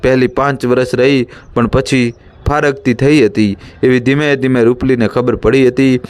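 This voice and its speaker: Give me a man narrating a story in a steady, measured voice at an average pitch. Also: clear, resonant tone.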